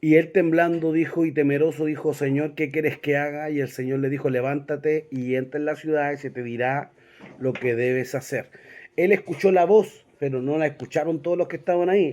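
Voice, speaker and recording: A man's voice: fairly high pitch, fairly even intonation, normal speed, a little mellow. A man teaching a Bible class, reading verses aloud and often checking in with his listeners. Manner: reads scripture aloud and directs listeners to verses.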